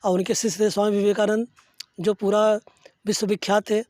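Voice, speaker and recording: A man gives a reflective discourse, earnest and reverent, explaining like a teacher and weaving in verse and anecdotes. His high voice is flat, a little fast and slightly mellow, recorded in a dry setting with no echo.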